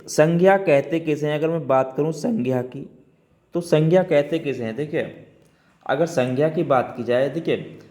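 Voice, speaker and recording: A man's voice: on the high side, a little mellow. Repetitive man teaching a grammar lesson. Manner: repetitive, keeps checking with "ठीक है" and asking questions back. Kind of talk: spoken Hindi grammar lesson.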